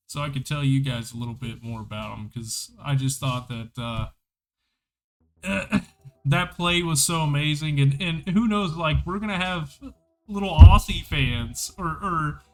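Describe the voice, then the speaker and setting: Slow-talking enthusiastic male podcast host. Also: on the high side. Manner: chatty, enthusiastic, rambling. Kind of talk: casual hockey podcast livestream.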